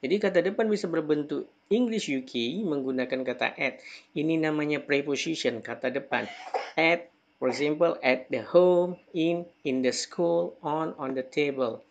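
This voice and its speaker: A middle-aged English lecturer teaches from slides, calling out English example words with extra stress. His voice is fairly high and moves at a normal pace, and the sound is lo-fi.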